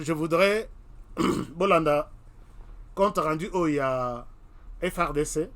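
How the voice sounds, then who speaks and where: A man's voice: on the high side, fairly bright tone. A Congolese man hosting his own web TV channel, talking straight to his viewers in an emphatic commentary monologue full of repeated warnings. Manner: emphatic, repeats warnings, addresses listeners directly. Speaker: web TV host.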